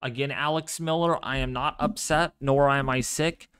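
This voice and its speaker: Soft-spoken, clear-voiced man on a weather livestream. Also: medium pitch, normal speed. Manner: calm, fairly monotone delivery. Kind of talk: live severe weather commentary, chatting with viewers.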